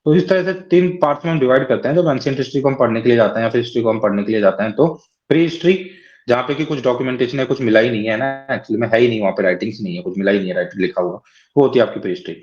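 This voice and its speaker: A man's voice: medium pitch, rapid-fire, darkish tone, dull audio. A man teaching a class lecture, explaining step by step and often checking in with his listeners.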